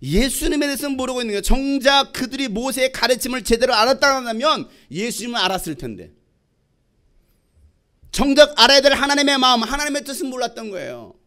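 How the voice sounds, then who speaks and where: A pastor preaches a sermon in an extremely high-pitched, brisk voice, questioning his congregation and acting out quoted exchanges with lively energy.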